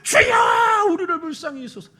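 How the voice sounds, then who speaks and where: A man voicing desperate blind beggars who shout and plead for mercy. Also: very high-pitched, lively intonation, moderate pace, pitched above the performer's own voice, heavily acted.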